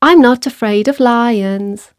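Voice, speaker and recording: A woman's voice: high-pitched, lively intonation, a little slow, darkish tone, no room sound, studio quality, pitched above the performer's own voice. A woman voicing a brave little female mouse in a storybook, chirpy and eager. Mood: bold.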